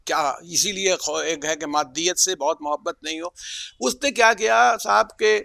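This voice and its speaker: A man delivering a religious sermon, telling stories and voicing the figures in them with sudden loud rises. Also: a little high, creaky, dry recording, clean studio sound. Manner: storytelling, acts out quoted figures with loud rises. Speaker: religious speaker. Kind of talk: Muharram majlis sermon.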